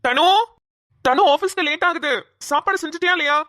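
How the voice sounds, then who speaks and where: A woman voicing a hurried young husband in a cartoon, talking in a brisk, teasing way. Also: high voice, pushed and bright, dry recording, clean studio sound. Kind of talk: cartoon voice acting.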